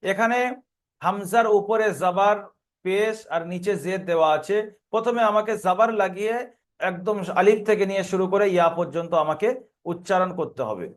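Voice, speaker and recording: A man teaching a Quran reading lesson, patiently spelling out letters and repeating the rules in a steady chant. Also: high-pitched, normal speed. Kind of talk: recorded online lesson.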